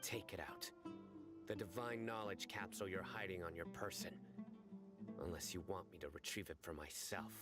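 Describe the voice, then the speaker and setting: A man's voice: low voice, steady tone, moderate pace, loud music behind the voice, lightly acted. Cyno, a man voicing a stern, menacing judge. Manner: stern, clipped and threatening. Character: stern male judge-warrior, cold and menacing. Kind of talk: video game dialogue.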